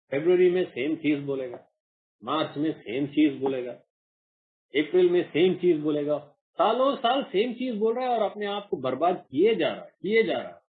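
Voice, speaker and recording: A man from India sharing his recovery story at an online support meeting, earnest and repetitive, sometimes acting out his own past voice. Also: on the high side. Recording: muffled phone-like online call audio.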